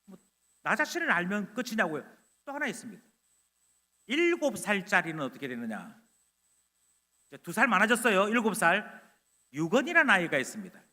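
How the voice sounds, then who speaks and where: A man preaching a sermon loudly and energetically, acting out little scenes of dialogue. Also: sits high, fairly quick, long pauses. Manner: animated, loud, acting out dialogue. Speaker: pastor. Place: church sanctuary. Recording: long church hall reverb.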